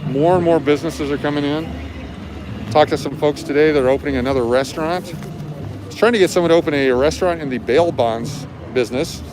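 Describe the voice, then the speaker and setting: Filmed on a handheld camera or phone in poor recording quality, a livestream host strolls along city sidewalks at night near traffic, chatting casually as he walks. He talks a little fast in a fairly high voice over street noise and live music.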